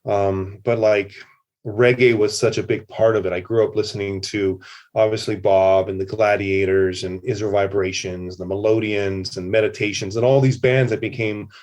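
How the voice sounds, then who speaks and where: A man's voice: on the low side, steady tone, moderate pace, darkish tone. A middle-aged man from Hawaii, a festival producer, talking casually as a podcast guest with lots of fillers and restarts. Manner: rambling, many fillers and restarts. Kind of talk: casual conversational interview.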